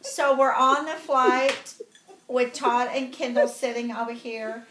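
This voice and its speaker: A woman's voice: high voice, steady tone, slow pace, roomy sound, background noise. A woman with a Texan accent from the Panhandle, telling a personal anecdote with amusement and laughter. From Texas Panhandle. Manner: amused, laughing as she tells it. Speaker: storyteller.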